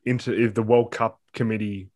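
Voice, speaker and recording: Male sports podcast panellist, Australian accent, slightly low voice, blunt and casual. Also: little pitch movement, moderate pace, a little mellow.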